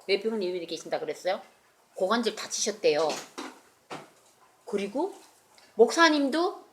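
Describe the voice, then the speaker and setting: A woman's voice: mid-range voice, slight background noise. A woman telling a Bible story in a children's sermon and asking the children questions. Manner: animated, asks the children questions.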